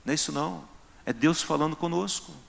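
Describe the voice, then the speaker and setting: A man's voice: fairly high pitch, fast talker, creaky. A male pastor, preaching in a conversational way and acting out everyday scenes. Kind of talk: sermon. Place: church.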